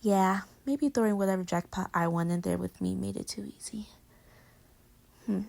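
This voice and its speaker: A woman plays a playful, clingy young girlfriend in an intimate pillow-talk roleplay audio, teasing and affectionate, rambling between murmurs and exclamations in a hushed mood. Her mid-range voice is steady and darkish with vocal fry, at a normal speed.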